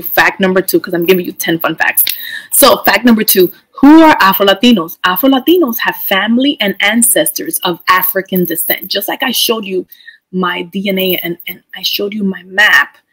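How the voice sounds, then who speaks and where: A woman's voice: medium pitch, fairly bright tone, husky, poor audio. A middle-aged woman teacher from the Dominican Republic, explaining things step by step in a chatty way and asking her viewers questions. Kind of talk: educational video presentation.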